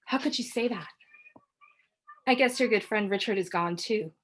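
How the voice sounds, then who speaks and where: A woman's voice: mid-range voice, normal speed, natural voice. A jealous, controlling father who snaps in curt, bitter lines, as a woman reads him. He sounds hard and accusing.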